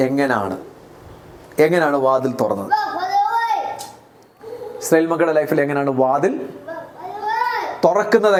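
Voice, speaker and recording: A man's voice: fairly high pitch, background noise. A man with a Malayali accent preaching a sermon as pastor, often putting questions to the congregation. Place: church.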